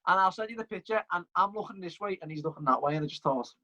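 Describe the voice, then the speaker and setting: A man's voice: high voice, racing, bright, forceful tone. A man with a Liverpool accent chatting and bantering casually as a podcast co-host. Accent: Liverpool (Scouse).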